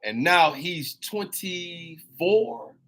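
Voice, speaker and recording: Animated preaching man in his fifties. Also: high voice, extremely slow. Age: 50s. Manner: animated and preachy, addressing listeners directly; laughs often, repeats phrases for emphasis. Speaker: host. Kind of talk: motivational preaching talk.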